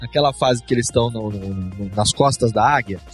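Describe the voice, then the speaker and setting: A man's voice: lowish voice, fairly quick, faint music behind. A man with a Brazilian accent, a podcast host telling nostalgic stories in casual chat, with many short restarts. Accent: Brazilian Portuguese.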